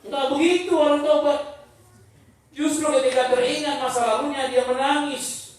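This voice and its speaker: A man's voice: very high voice, steady tone, normal speed, very echoey, far from the mic. A man preaching an online Islamic study session, chanting Arabic phrases and then explaining them in everyday speech, and acting out the prayers of a repentant sinner. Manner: acts out the repentant sinner's prayers with rising emotion.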